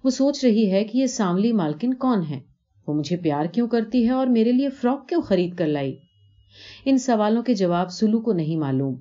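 A woman narrating a scripted children's story in a calm, gentle storytelling manner, on a dull lo-fi recording. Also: medium pitch.

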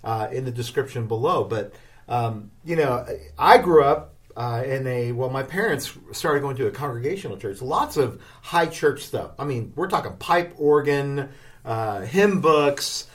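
A man's voice: mid-range voice, animated, measured pace. A man co-hosting a casual podcast chat, sounding slightly distant from a small shared microphone. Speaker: podcast co-host. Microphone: small microphone shared by two people, slightly distant.

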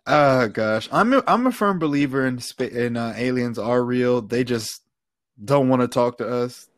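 A man's voice: medium pitch, animated, moderate pace, no echo, studio quality. A young man co-hosting a casual podcast, laid-back and hedging, laughing often. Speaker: podcast co-host.

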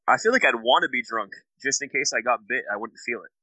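A man's voice: mid-range voice, lively intonation, fast talker, sharp tone, no room sound, rough recording. A man co-hosting a podcast, joking casually with his friends. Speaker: podcast co-host. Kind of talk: casual comedic banter.

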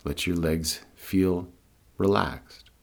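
Very deep-voiced man guiding meditation, husky. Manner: calm, soothing, unhurried instruction. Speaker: guided meditation and breathing teacher. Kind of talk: guided meditation.

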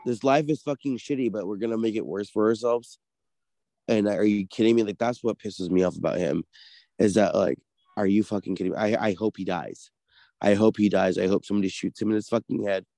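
A man's voice: lowish voice, fast, creaky, warm tone, no echo. A man co-hosting a casual podcast, ranting in a heated, profane way. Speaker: podcast co-host.

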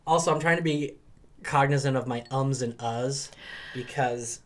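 A man's voice: mid-range voice, moderate pace, a little hiss or hum. A man co-hosting a podcast as a professor, in rambling casual chat full of ums and restarts.

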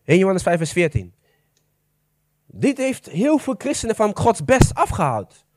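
A high-voiced man preaches with a lively, swooping delivery, firing questions at his congregation and slipping into English phrases. The sound is close and dry. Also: normal speed, no echo. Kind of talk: sermon.

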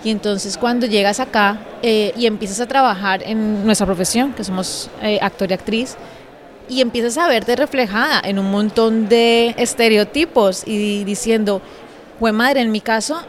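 A woman from Bogotá with a Colombian accent, an actress speaking reflectively in a measured way, often ending thoughts with a questioning tag. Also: mid-range voice. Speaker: actress and guest. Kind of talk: reflective conversation.

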